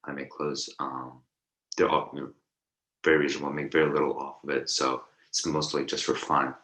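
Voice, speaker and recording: A young man with an exceptionally deep voice hosts a casual podcast with a friend. He rambles, stumbles over restarts and leans on fillers as he talks. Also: level tone, normal speed, fairly bright tone, a little hiss or hum, rough recording. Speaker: podcast co-host.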